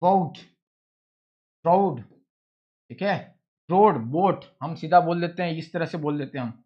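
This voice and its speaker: A man's voice: fairly high pitch, a little slow, lo-fi sound. A male teacher, giving a classroom lecture, who repeats words and keeps asking the class questions. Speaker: English teacher.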